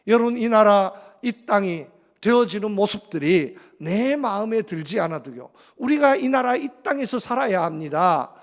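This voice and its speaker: A man's voice: sits high, lively intonation, moderate pace, few pauses. A male pastor preaching a sermon, emphatic, with repeated phrases and rhetorical questions.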